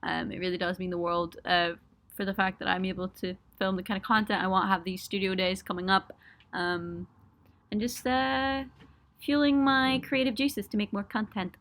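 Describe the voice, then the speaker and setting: A young woman with a medium-pitched, fairly bright voice talks at a moderate pace with fairly even intonation. She's a musician streaming on webcam from a small home studio, casually fielding supporters' questions with lots of ums, laughter, and self-mocking humor.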